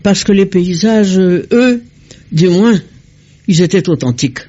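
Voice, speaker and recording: A woman's voice: mid-range voice, lively intonation, dark tone. Older woman on old worn tape. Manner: slow, hesitant, halting restarts. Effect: old worn tape archive recording. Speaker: interviewee. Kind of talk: archive radio interview. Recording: dull lo-fi old tape with faint music.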